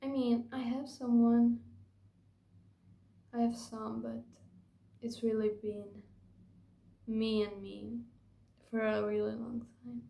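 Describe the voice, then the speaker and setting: A woman's voice: fairly high pitch, flat delivery, takes it slowly, creaky, pauses often, dark tone. A young woman vlogging casually to camera, rambling and gushing with lots of fillers. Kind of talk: casual confessional vlog. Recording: echoey room.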